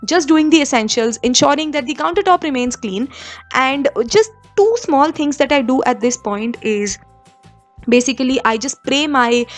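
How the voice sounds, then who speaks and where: Speaking in a fairly high voice, a young home vlogger from India narrates a casual voice-over about cleaning the kitchen, frequently using fillers and starting her sentences over.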